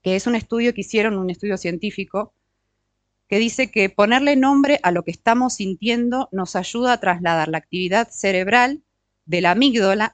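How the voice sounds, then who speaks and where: Woman, middle-aged, workshop teacher, mid-pitched, dry close sound, frequent check-in questions, slows for emphasis. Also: no echo. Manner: checks in with listeners often with short tag questions; slows down to stress key words. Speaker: workshop speaker on marriage and emotions. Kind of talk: teaching talk with audience interaction.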